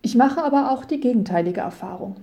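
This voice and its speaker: Middle-aged woman preacher, deep mellow warmth, calm measured sermon delivery. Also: lo-fi sound. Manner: calm, measured reading with solemn scripture quotes. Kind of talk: scripted radio devotion.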